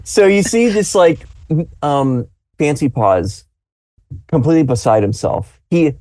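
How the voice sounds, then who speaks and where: A man narrates a tabletop game as game master. His voice is mellow and dark, and his delivery is relaxed and loose. The sound is dry and close. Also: medium pitch, no room sound. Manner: relaxed, filler-heavy narration.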